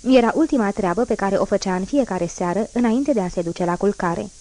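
A woman narrating a classic novel as an audiobook, in a measured, even reading voice. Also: mid-range voice.

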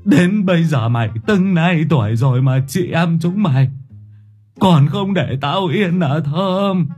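A wailing old village uncle, quavering and theatrical in his grievance, put on by a male narrator. His voice climbs higher than a plain speaking voice and sounds husky, over faint music. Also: animated, a little slow, a little mellow.

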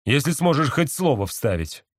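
A man's voice: medium pitch, sing-song, moderate pace, dry recording, clean studio sound, voice pushed up. A man voicing a grumpy, irritable masked activist in an audiobook. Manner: grumbling, irritable.

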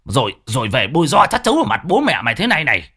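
A man's voice: lowish voice, big pitch swings, fairly quick, sharp tone, exaggerated voice. A man voicing a hot-tempered middle-aged village father who scolds and curses his son. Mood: furious. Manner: scolding, cursing.

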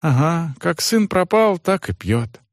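A man's voice: on the high side, very animated, takes it slowly, dry recording, studio quality, pitched above the performer's own voice, exaggerated voice. A man voicing a simple, chatty peasant servant who talks in a folksy, rambling singsong. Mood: gossipy. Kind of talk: audiobook character voice.

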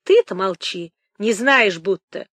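A brisk, bossy shopkeeper woman, put on by a woman narrator in a storybook reading. She scolds and grumbles, voice rising high as she complains. The recording is close and dry. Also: lively intonation, fairly bright tone, dry recording. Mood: grumbling, scolding.

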